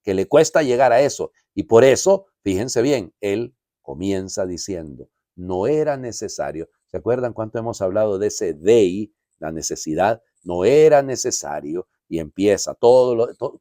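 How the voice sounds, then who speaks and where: A man's voice: lowish voice, expressive, normal speed, dark tone, no room sound, clean studio sound. A man, a priest, giving a conversational homily full of asides and rhetorical questions.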